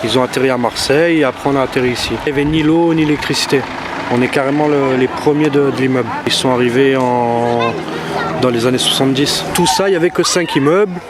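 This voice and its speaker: A man speaking quickly and plainly in a documentary interview outdoors. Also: mid-range voice. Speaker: resident. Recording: outdoors with loud traffic noise.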